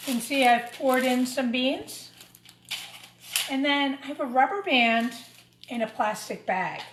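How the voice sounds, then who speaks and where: With a high voice and an unhurried pace, a teacher walks young children through an informal craft demonstration, narrating each step while she works. Her recording has a roomy echo and noticeable background clatter.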